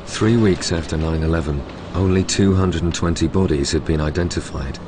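A man giving grave, measured scripted narration for a documentary voice-over. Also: extremely low pitch, a crowd in the background. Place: studio voice-over. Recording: loud music bed behind.

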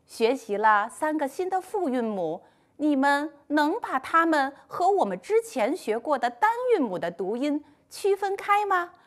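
Slow, bright-toned woman teaching small kids. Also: high-pitched, big pitch swings. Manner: slow, sing-song, encouraging teacher talk. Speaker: primary school teacher. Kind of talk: scripted online lesson for young children.

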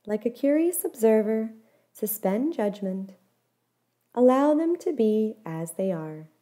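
This is a body scan meditation led by a woman whose voice is fairly high yet deeply mellow and at ease. She paces her directions carefully and gently, easing off at the end of every phrase.

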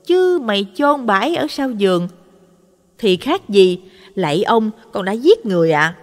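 A woman's voice: mid-range voice, big pitch swings, normal speed, long reverb tail, lightly acted. A woman voicing a short-tempered man who scolds and barks his words. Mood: angry. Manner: barking, scolding. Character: harsh, short-tempered dog butcher man.

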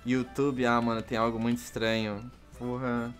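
A young man with a Brazilian accent, commentating over his gameplay as a gaming YouTuber, excitable and swearing often. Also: mid-range voice, normal speed, faint music behind. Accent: Brazilian Portuguese. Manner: excitable, swears often, swings from pleading shouts to mumbling. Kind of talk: gameplay commentary with chat readouts.

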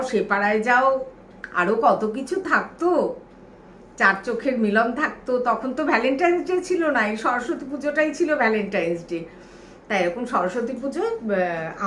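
A woman's voice: fairly high pitch, fairly bright tone, a little hiss or hum. Nostalgic woman telling childhood stories. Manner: chatty, reminiscing, briefly voices relatives and teachers. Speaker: storyteller. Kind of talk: nostalgic storytelling. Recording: echoey room with faint ambience.

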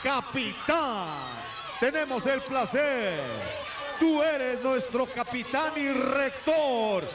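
A Mexican man in lucha libre announcer style, hyping wrestlers with drawn-out shouts and emphatic repeated words. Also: extremely high pitch, distant mic, crowd noise. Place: ringside at a packed outdoor arena. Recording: loud live arena broadcast with music.

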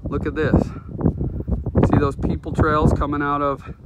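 A man's voice: a little high, level tone, unhurried, dull audio. A man giving an unscripted walk-along narration for a video, recorded on a handheld phone outdoors on a mountaintop. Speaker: video host. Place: outdoors on a windy rocky mountaintop. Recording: very loud wind noise on phone microphone.

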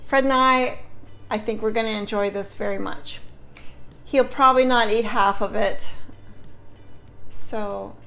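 A middle-aged woman with a somewhat high-pitched voice chats casually through a home recipe demonstration. She is indoors in a kitchen, talking to the camera over soft background music. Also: fairly even intonation, measured pace, creaky, pauses often. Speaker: home cooking vlogger.

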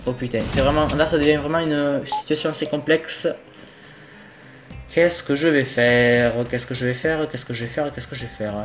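A young gaming host with a cold narrates his own let's-play casually, getting exasperated and swearing as things go wrong while talking to himself. His voice is fairly high, with fairly even intonation and a moderate pace.

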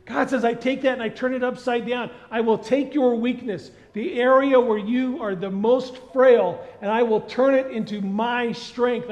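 A middle-aged man preaches from a large church stage, his voice sitting fairly high. He keeps putting questions to the congregation in an animated, conversational way. The sound is a little muffled, with long reverb rolling through the hall. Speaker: pastor. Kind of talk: sermon.

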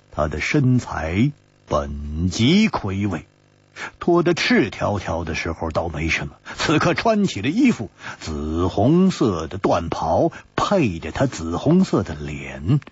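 Casting: male traditional storyteller, husky, very animated pitch, wry asides, dull lo-fi sound. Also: no echo. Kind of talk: traditional Chinese storytelling narration. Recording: dull lo-fi audiobook recording.

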